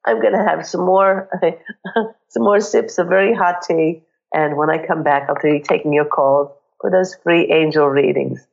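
Woman radio host with a gravelly cold-worn croak, earnest spiritual monologue, muffled audio. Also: sits low, a little slow. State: hoarse from a cold.

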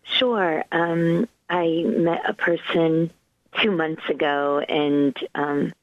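Female phone-in caller, lo-fi line, gravelly fry, hesitant casual talk. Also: deep voice, steady tone, slow, no echo. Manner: hesitant, tentative. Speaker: caller to a psychic radio show. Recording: dull, lo-fi phone call.

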